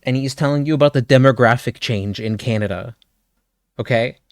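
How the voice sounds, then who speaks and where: A man's voice: medium pitch, normal speed, no echo. Streamer man, casual foul-mouthed riffing, dead-dry close mic. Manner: profane, riffing jokes to chat. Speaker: live streamer. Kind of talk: casual reaction chat.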